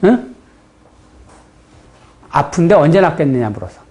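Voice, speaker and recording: Speaking with a Chungcheong Korean accent, a teacher from that region lectures on fortune-telling in a blunt, folksy manner, frequently checking in with rhetorical questions. The medium-pitched voice is mellow and very animated, with a measured pace.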